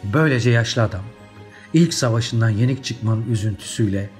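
A man narrating a children's storybook audiobook in an expressive, dramatic storytelling manner. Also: medium pitch, normal speed, soft background music.

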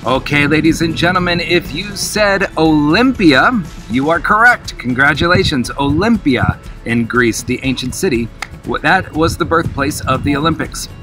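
A man's voice: on the high side, expressive, moderate pace, music in the background. An upbeat middle-aged man, a cruise director, casually hosting a quiz to camera outdoors. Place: outdoors in an open park.

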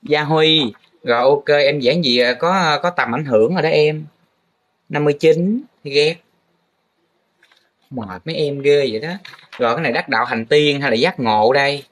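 Teasing man, slightly high. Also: normal speed, fairly bright tone. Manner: playful, teasing, exaggerated exclamations. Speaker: comic art teacher grading drawings. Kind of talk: comedic teacher role-play monologue.

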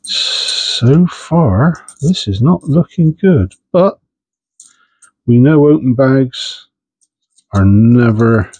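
A man with a head cold sniffs while chatting casually and sorting coins for his coin-hunting channel. His husky, slightly mellow mid-range voice is expressive and very slow, his manner chatty, understated and self-deprecating, but the audio is poor, though with no room sound.

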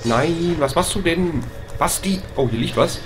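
A man doing let's play commentary on a horror game, excitable, often shouting, swearing and stammering when things get tense. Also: a little high, unhurried, background noise.

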